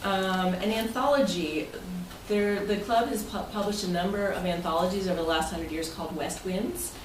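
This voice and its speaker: Her voice is on the low side, fairly even in intonation, at a moderate pace. She rambles chattily through an informal presentation to club members as their president, phrasing things loosely. Recorded far from the mic, it comes across roomy and noisy.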